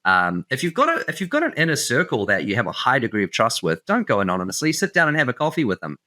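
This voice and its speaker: A man's voice: medium pitch, huge pitch swings, fast talker, sharp tone. A man with an Australian or New Zealand accent, a company CEO giving earnest, practical advice as a guest in a casual interview, often restarting his sentences.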